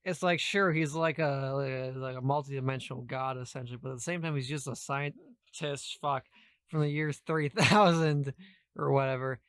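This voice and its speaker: A man co-hosting a casual podcast with the hiccups, talking haltingly and cursing mid-sentence. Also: medium pitch, steady tone, fairly bright tone, clear, resonant tone, dry recording, studio quality. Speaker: podcast co-host. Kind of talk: casual chat.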